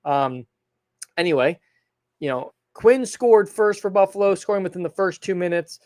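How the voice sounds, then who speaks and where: A young man from hosting a sports podcast, recapping a hockey game in a rambling, excitable way with lots of fillers. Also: high-pitched, moderate pace, no room sound, studio quality. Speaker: podcast host. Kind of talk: casual sports recap monologue.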